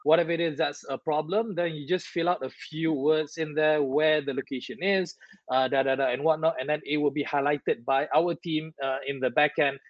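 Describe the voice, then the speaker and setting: Malaysian guy hosting a chat show, kinda high voice, dull dry sound, chatty and laughy. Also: steady tone, normal speed, no room sound. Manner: chatty, laughing often, mixes in Malay words. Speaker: show host. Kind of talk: casual chat.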